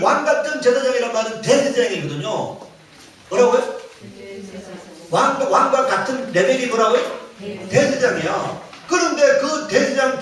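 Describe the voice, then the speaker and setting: A man's voice: very high voice, a bit bright. A man preaching a sermon as pastor, quizzing the congregation and repeating key phrases with emphasis. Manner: call-and-response questioning of the congregation. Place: church sanctuary. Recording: very echoey church hall, mic at a distance.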